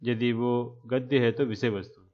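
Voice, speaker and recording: A man lecturing trainee teachers, speaking slowly and repeating key terms, with frequent checks that the class is following. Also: mid-range voice, steady tone, dull audio. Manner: asks "है ना?" to check understanding.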